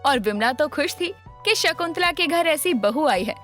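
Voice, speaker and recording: A woman narrating an animated moral story in an expressive storybook style. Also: high voice, normal speed, faint music behind.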